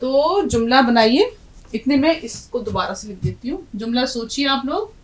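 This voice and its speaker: A woman teaching an Urdu lesson, reciting a poem and slowly spelling out letters to her students. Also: high voice, lively intonation. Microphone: lesson video.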